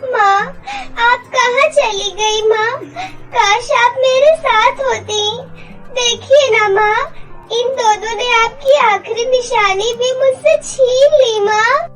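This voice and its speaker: A woman voicing a gentle, mistreated young girl in a cartoon story, pleading and tearful. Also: extremely high pitch, takes it slowly, over loud music, pitched above the performer's own voice.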